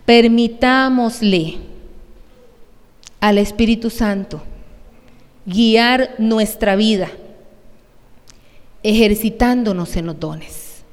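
A woman's voice: mid-range voice, in a large hall. A woman preaching a sermon, emphatic and asking the congregation questions.

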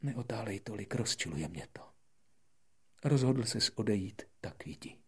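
Man voicing a proud, hushed flower. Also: lowish voice, animated, breathy edge, exaggerated voice. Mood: curt. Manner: soft, hushed and half-whispered. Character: proud, fragile female flower, hiding tears. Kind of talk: audiobook character voice.

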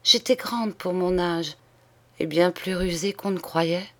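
A woman's voice: on the low side, a bit bright. Marguerite, a woman voicing a dying whispering sister. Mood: confiding. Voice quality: hoarse, halting broken phrases. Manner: whispered pleading. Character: dying younger sister confessing in terror, middle-aged woman.

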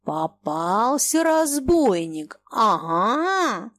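A woman's voice: medium pitch, lively intonation, normal speed, no room sound, lightly acted. Fussy stiff old army captain guy, old-fashioned formal, woman doing him, dry sound. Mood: stern. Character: small thin old retired captain, pompous.

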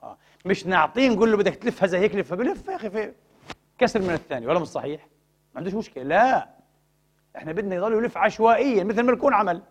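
A man's voice: high voice, lively intonation, rapid-fire. A man giving a religious science lecture, asking rhetorical questions and prompting the audience to fill in words.

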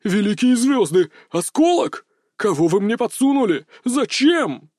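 A man's voice: high-pitched, big pitch swings, moderate pace, a little mellow, dry recording, clean studio sound, voice pushed up. A man voicing a huge, haughty talking ginger cat in an audiobook, sulky and bargaining. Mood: alarmed. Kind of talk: audiobook character voice.

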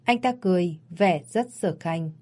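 A woman narrating a romance story in an even, steady storytelling voice. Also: on the low side, moderate pace. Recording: faint background music.

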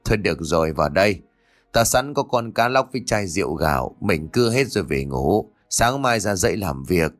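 A man's voice: sits low, animated, brisk, faint music behind, pitched below the performer's own voice. A man voicing a blunt, hard-drinking older uncle who scolds coarsely. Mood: gruff.

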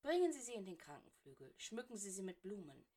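A woman's voice: mid-range voice, sing-song, brisk, mellow. A woman reader voicing a cold, scornful male teacher who speaks with cutting sarcasm. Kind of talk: fan fiction audiobook reading.

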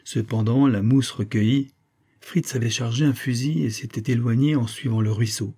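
Mellow, husky man reading a storybook. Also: mid-range voice, normal speed. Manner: steady first-person storytelling. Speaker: audiobook narrator. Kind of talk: audiobook reading of a classic novel.

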